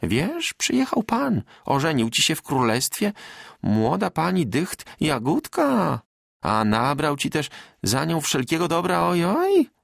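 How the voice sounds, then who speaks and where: A man's voice: fairly high pitch, a little slow, gravelly, no echo, clean studio sound, pitched above the performer's own voice, exaggerated voice. A man doing a breathless gushing village wife. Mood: joyful. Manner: excited, gushing rustic country talk. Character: chattering breathless village wife, middle-aged woman.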